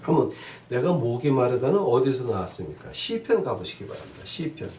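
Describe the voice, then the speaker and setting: Here a man delivers a sermon, reading scripture, hammering on key phrases, and putting rhetorical questions to the congregation. He has a medium, mellow voice with big pitch swings and a brisk pace, captured with roomy echo, a distant mic, and faint noise.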